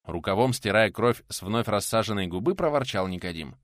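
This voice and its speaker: A man narrating an audiobook in a steady, dramatic reading style. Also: lowish voice, brisk, no room sound, studio quality.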